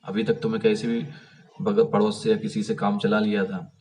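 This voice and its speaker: A man's voice: fairly low pitch, little pitch movement, normal speed, darkish tone. A man vlogging outdoors beside an unfinished house, telling a grievance in a rambling, casual way with many restarts and fillers. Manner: aggrieved, complaining. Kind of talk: casual storytelling to camera. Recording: voice heard from a distance.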